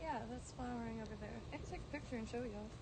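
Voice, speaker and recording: A high-voiced woman from Florida hosts a plant livestream outdoors in her garden, rambling fast and sometimes droning. Her casual chat meanders with many ums and restarts and some casual swearing. The phone audio is noisy.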